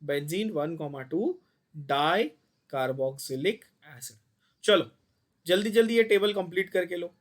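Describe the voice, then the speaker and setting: Man, high voice, chemistry teacher, online class, blunt, quizzing. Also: lively intonation, takes it slowly. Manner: mixes Hindi and English, quizzes students constantly, blunt and scolding.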